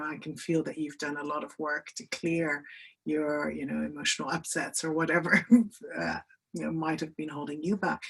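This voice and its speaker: A woman's voice: deep voice, vocal fry, husky. A woman speaking as a guest in a conversation, talking earnestly and openly with frequent restarts. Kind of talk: candid conversation.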